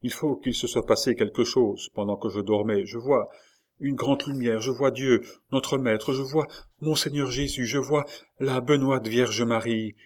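A man reading aloud as a dying king who prays fervently and pleads for mercy, in a voice a little higher than his own. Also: steady tone, unhurried, lightly acted. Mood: awed. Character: dying old king, feverish and pious.

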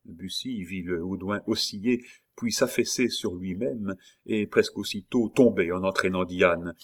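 A man reading a classic novel aloud as an audiobook narrator, steady and measured. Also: sits low.

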